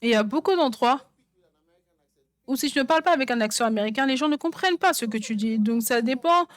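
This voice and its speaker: A woman's voice: high-pitched, animated, fast talker, no room sound. Emphatic woman preacher, dry sound. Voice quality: songwriter speaking of her own songs. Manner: emphatic, repeats phrases for stress. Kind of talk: sermon.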